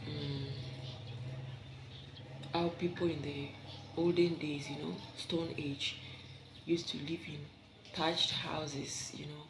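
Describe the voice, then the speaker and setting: Speaking slowly with frequent pauses, this Kenyan woman has a deep, level voice as she chats casually to viewers from her bedroom, rambling and tossing in asides. Her recording sounds echoey, carrying a faint background hum.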